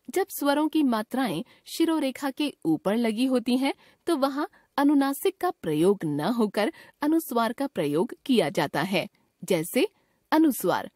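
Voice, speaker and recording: A woman teacher reading a grammar lesson aloud in a measured, dictating way, listing examples one at a time. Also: a little high, darkish tone, no echo, studio quality.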